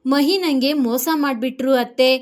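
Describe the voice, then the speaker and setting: A jealous young wife who fakes her tears, voiced by a woman narrator. Her high voice pleads shrilly and theatrically, like a storybook melodrama. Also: moderate pace, close to an everyday voice. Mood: melodramatic.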